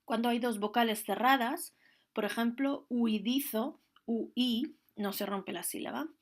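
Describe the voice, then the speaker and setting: A woman's voice: on the high side, moderate pace. A woman teaching a grammar lesson, explaining the rules patiently and carefully, one step at a time. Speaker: Spanish teacher.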